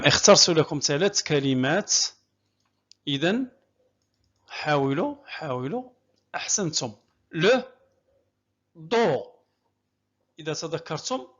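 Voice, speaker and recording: A woman's voice: low-pitched, fairly bright tone. A woman teaching French reading, sounding out words syllable by syllable and praising often. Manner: slow, drawn-out syllables with repeated encouragement. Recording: dull lo-fi recording.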